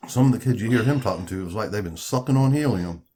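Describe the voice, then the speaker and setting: A middle-aged Southern US man with a deep, rough-edged voice talks over a meal of fried chicken. His delivery is folksy and colloquial, like a dad chatting casually on a family vlog while he eats. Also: lively intonation, quick pace, mellow. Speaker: father co-hosting a family mukbang vlog.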